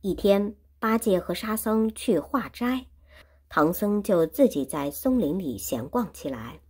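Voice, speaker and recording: A woman's voice: mid-range voice, animated, unhurried, a little mellow, husky. A woman teaching Chinese who retells a classic story in simple words and repeats and explains each phrase. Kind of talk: storytelling lesson.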